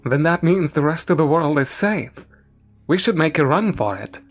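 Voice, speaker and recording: A man's voice: a little high, expressive, moderate pace, soft background music, voice pushed up. A man voicing a desperate, pleading teenage sister in a horror story. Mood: urgent hope. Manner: urgent, pleading.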